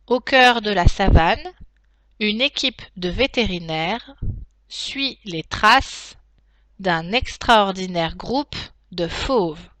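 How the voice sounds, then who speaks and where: Femme qui dicte lentement, voix posée. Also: female voice, mid-range voice, fairly bright tone, dry recording. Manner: deliberate, articulated dictation with pauses. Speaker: primary school teacher. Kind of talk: dictating a text to pupils, reading phrase by phrase and naming punctuation.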